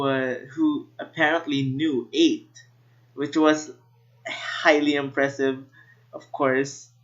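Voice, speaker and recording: A man's voice: mid-range voice, fairly bright tone, dull audio. Rambling young man hosting. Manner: rambling, full of "like" and restarts. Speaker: podcast host. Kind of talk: casual podcast chat with narrated links.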